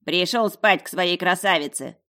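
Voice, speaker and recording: A woman with a low voice reading an audiobook, voicing a cocky talking dog who is really a young male necromancer, brash and teasing. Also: normal speed, pushed and bright. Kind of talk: audiobook character voice.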